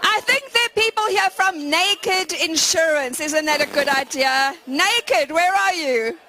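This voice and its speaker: A woman's voice: extremely high pitch, unhurried, bright, forceful tone. A woman with a South African accent giving a cheeky, rallying live speech, calling out to her audience. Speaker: chief marketing officer addressing a crowd.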